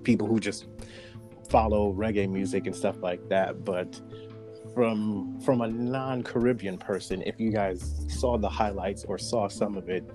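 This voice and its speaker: A man from Jamaica talking casually as a podcast guest, chatty and animated. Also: on the low side, a little slow, music in the background. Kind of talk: casual chat.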